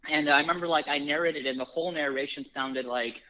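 Young man, bright voice, slightly higher pitch, dull lo-fi sound, chatty anecdote telling. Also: steady tone, fairly quick. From Los Angeles. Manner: chatty, many likes and restarts. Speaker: film producer. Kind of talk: casual storytelling.

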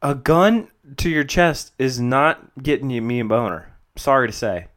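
A man's voice: medium pitch, lively intonation, moderate pace, a bit bright. A man co-hosting a podcast from home, laid-back and unbothered, giving short replies in casual chat. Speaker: podcast co-host. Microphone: home microphone.

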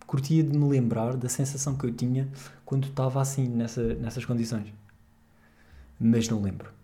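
A man's voice: mid-range voice, fairly even intonation, moderate pace, dark tone, slight background noise. A young man with a European Portuguese accent, hosting a podcast in a rambling, jokey, slangy way. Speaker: podcast host. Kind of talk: casual podcast chat.

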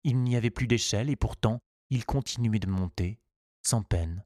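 A man reading a children's storybook aloud in a calm, measured and gently expressive way. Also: on the low side, no room sound, studio quality. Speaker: audiobook narrator. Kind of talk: scripted storybook narration.

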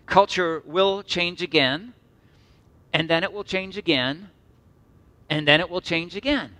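A middle-aged man preaching a sermon, earnest and emphatic, slowing for repeated phrases and dropping suddenly soft. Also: high voice, dry recording.

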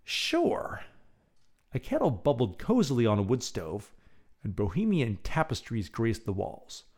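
A man in the role of bedtime storyteller and relaxation guide, speaking in a soothing, measured, expressive way. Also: mid-range voice.

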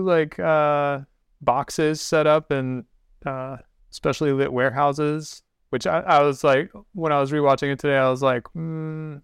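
A man hosts a podcast in a laid-back, reflective way with dry understatement. His voice is smooth and clear, recorded close and dry. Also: on the high side, no room sound. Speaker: podcast host. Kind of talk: casual podcast chat.

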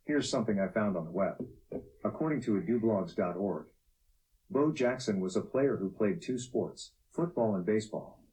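Mellow male smart speaker voice. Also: lowish voice, animated, rough recording. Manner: measured synthetic assistant delivery. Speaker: voice assistant. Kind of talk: smart speaker voice reading web answers.

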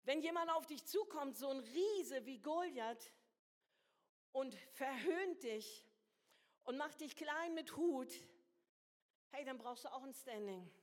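A woman's voice: high-pitched, expressive, takes it slowly, pauses often, in a large hall. A woman preaching a sermon. She drives points home by repeating phrases and slips casual slang into her preaching. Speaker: guest preacher.

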